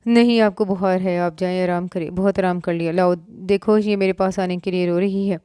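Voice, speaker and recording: A woman voicing an earnest young man who speaks softly and coaxingly in a storybook reading. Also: on the low side, fairly even intonation, fairly quick, smooth, no room sound, studio quality, lightly acted. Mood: firm. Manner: soft, coaxing. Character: earnest young man, gentle then curt.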